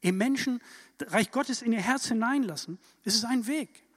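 A man preaching a sermon in a lively, emphatic way, full of rhetorical questions. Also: extremely high pitch, moderate pace. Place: church hall. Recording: church hall reverb.

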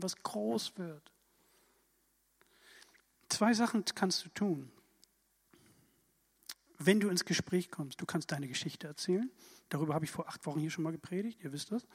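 A man preaching a sermon in a lively, emphatic way, full of rhetorical questions. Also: sits high. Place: church hall. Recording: church hall reverb.

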